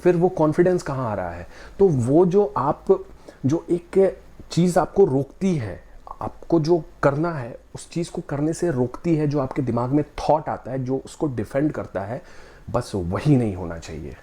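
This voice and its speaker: A man's voice: medium pitch, animated, unhurried, mellow. A man giving a motivational talk, speaking directly and conversationally to the viewer and asking rhetorical questions.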